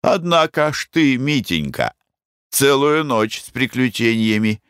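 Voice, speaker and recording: A man's voice: medium pitch, big pitch swings, measured pace, fairly bright tone, smooth, no echo, studio quality, pitched above the performer's own voice. A man voicing a jovial merchant teasing his friend in an audiobook.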